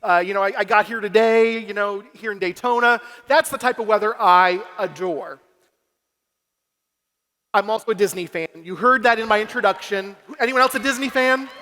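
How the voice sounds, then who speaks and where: A young Massachusetts man works the crowd during an energetic, upbeat keynote at a youth conference, poking fun at himself. He speaks in a high-pitched, pushed, bright voice at a moderate pace, heard over a stage mic and PA in a large convention hall.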